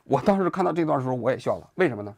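Male commentary host, lively rhetorical delivery, husky tone, dry close-mic sound. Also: medium pitch, racing, dry recording. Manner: animated, full of rhetorical questions. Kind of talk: casual commentary monologue.

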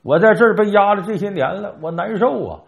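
A man's voice: high voice, a little fast, vocal fry, narrow, tinny audio, pitched above the performer's own voice. A man voicing a weary old male turtle who pleads and then needles with a sly, argumentative manner, in a told folk tale. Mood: pleading.

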